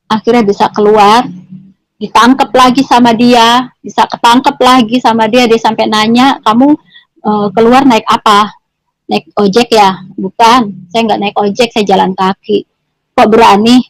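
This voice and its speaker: A woman's voice: a little high, fairly even intonation, moderate pace, dry recording, low-quality recording. A middle-aged woman tells her testimony in a casual, repetitive way, restating each phrase before moving on. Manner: repetitive, restates phrases, ends clauses with "gitu". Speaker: guest giving a testimony. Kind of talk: conversational testimony storytelling.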